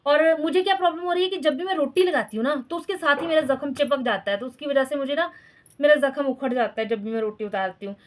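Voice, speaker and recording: A high-voiced Indian woman in her thirties, a vlogger, chats casually and quickly with her followers. She confides in them and laughs as she speaks.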